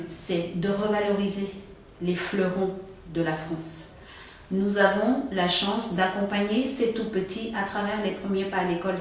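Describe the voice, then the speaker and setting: A woman from Cameroon, an event organizer, answering interview questions in a measured, explanatory way. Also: mid-range voice. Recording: echoey room, far from mic, faint noise.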